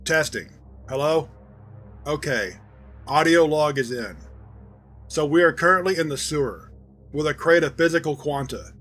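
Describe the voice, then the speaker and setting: A man's voice: a little high, moderate pace, long pauses, a bit bright, soft background music. A man voicing a terse male leader of a covert security team, reading a dramatized audio log with clipped commands.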